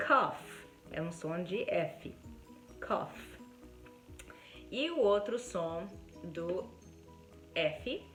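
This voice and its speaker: A Brazilian woman with a Brazilian Portuguese accent, giving a casual video lesson as an English teacher. She deliberately exaggerates sounds to demonstrate them and keeps checking in with her viewers. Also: medium pitch, fairly bright tone. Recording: roomy echo with faint background music.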